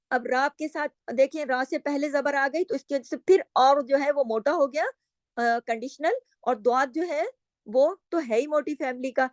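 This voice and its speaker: A woman with a high voice gives a patient tajweed lesson, explaining recitation rules and repeating key points. She slows down to sound out words as examples. The recording is dry and close. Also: darkish tone, no echo. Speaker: Quran recitation teacher.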